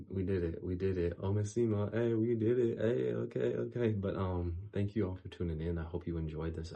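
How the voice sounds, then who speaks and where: A man talking in a casual faith-based vlog, earnest and emphatic, repeating words for stress, his voice going hoarse. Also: deep voice, dark tone. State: losing his voice. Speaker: YouTuber.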